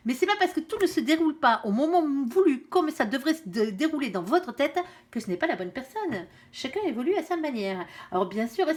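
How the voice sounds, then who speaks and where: A woman talks straight to her viewers as she lays out a tarot reading. Her voice sits a little high, and she is frank and chatty, sprinkling almost every phrase with little tag words and hesitations. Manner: blunt, chatty, peppers speech with "hein" and "euh". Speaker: tarot card reader.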